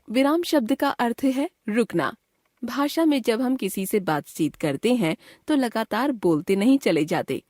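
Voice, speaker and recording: A woman teacher reading a scripted grammar lesson in a clear, measured way. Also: mid-range voice, darkish tone, no echo, studio quality. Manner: clear, measured classroom explanation.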